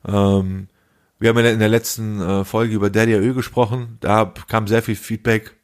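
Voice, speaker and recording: A young podcast co-host delivers his lines flatly at a moderate pace in a fairly low voice. Still, his slangy, casual chat includes animated anecdotes where he acts out what people said.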